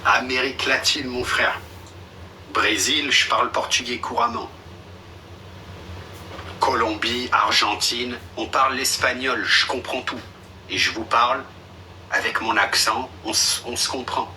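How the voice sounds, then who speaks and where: A man's voice: medium pitch, fairly even intonation, a little slow, long pauses, pushed and bright. A young man chatting casually on a live stream, blunt and slangy, with a dismissive streak. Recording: a bit distant with faint background noise.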